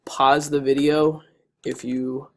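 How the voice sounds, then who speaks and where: Male teacher, slightly hoarse, monotone delivery, steady and patient as he walks students through class notes on a screen recording. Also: mid-range voice, slow. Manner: steady, patient, checks in with repeated okays. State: hoarse, losing his voice. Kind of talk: recorded math lesson over digital notes.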